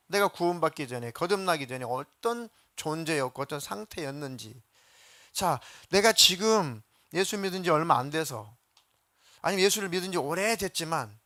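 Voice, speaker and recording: A male pastor delivers a Sunday sermon in a church, telling stories and acting out the people he quotes. His voice sits a little high, with a bright, forceful edge. The recording is dry, with little room sound. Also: no echo. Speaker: senior pastor. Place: church sanctuary.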